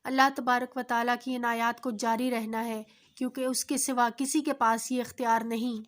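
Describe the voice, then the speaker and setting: A woman's voice: a little high, level tone, natural voice. A woman voicing a poor, pious farmer who earnestly admonishes his friend in a storybook tale, in her own voice.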